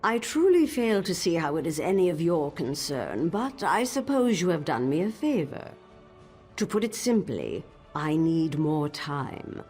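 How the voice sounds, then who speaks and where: A woman voicing an imperious old wizard master in a fantasy game, husky, formal and haughty in a measured delivery. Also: low-pitched, sing-song, darkish tone, faint music behind, heavily acted. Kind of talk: fantasy game dramatic acting.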